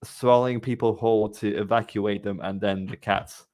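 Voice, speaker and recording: A man with a lowish voice hosts a relaxed live-stream podcast. He rambles, restarts his sentences and reads out chat messages. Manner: rambling, with many restarts and quick laughs. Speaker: podcast host.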